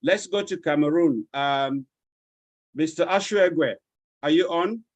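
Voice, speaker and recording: A courteous Nigerian man calls the roll on an online webinar over a video call. His voice sits a little high, and the sound is dry and close with no room echo. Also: slow. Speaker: webinar moderator.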